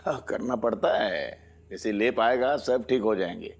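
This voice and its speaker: A man's voice: fairly low pitch, normal speed, gravelly, noisy background. An actor playing a fussy, self-assured middle-aged father in a TV sitcom, explaining and giving orders. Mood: reassuring. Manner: instructive, bossy, giving orders. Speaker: father of the bride. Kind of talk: TV sitcom acting. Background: background music.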